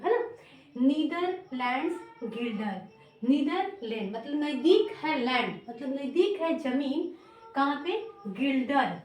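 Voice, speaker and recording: A woman teaching memory tricks in Hindi with a Bihari accent, repeating each word over and over as a drill. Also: high-pitched. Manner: repetitive, chanting drills. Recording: roomy, from a distance.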